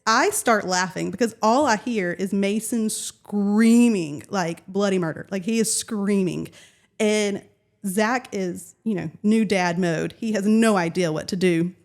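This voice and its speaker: A woman's voice: medium pitch, measured pace. Laughing woman telling a home story. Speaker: podcast co-host. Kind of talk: casual chat.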